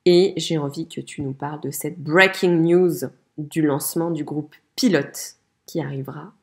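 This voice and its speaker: Low gravelly woman, chatty. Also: fairly even intonation, a little slow, a little mellow. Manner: chatty, many fillers, addresses listeners directly. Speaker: podcast co-host. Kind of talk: casual motivational podcast talk.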